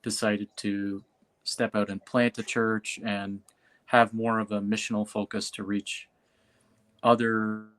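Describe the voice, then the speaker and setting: Low-voiced man chatting casually as host. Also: flat delivery, takes it slowly, a bit bright. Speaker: host, pastor. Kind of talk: casual chat.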